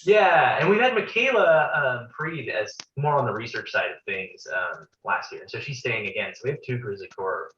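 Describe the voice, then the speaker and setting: A man's voice: mid-range voice, lively intonation, moderate pace, few pauses, fairly bright tone. A man chatting casually on a video call, easygoing and sometimes losing his words. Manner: easygoing, stumbling over words. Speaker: meeting participant. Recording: echoey lo-fi call, distant mic, faint hiss.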